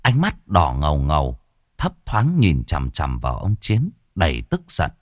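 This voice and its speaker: A man narrating a horror story in an expressive storytelling manner. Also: rumbling low, unhurried, no echo, clean studio sound. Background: faint background music.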